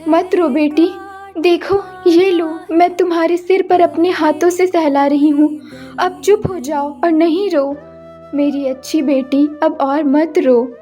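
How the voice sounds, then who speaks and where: A woman's voice: very high-pitched, mellow, highs cut off. A woman voicing a loving, worried middle-aged mother in a cartoon story, speaking in a soothing, tender way.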